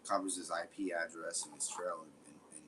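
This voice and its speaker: A man's voice: low voice, steady tone, fairly quick, very noisy. A man giving casual, rambling gameplay commentary, swearing often. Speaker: game streamer.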